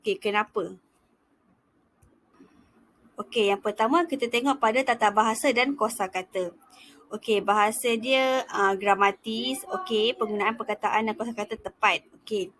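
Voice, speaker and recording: A young woman student teacher explaining a topic in a casual lecture style, chatty and relaxed, often pausing to begin again. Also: mid-range voice.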